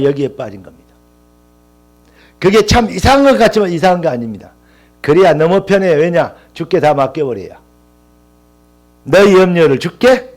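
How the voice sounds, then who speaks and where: A man's voice: a little high, a little mellow. A male pastor preaching a sermon with impassioned, rising emphatic lists and calls of hallelujah.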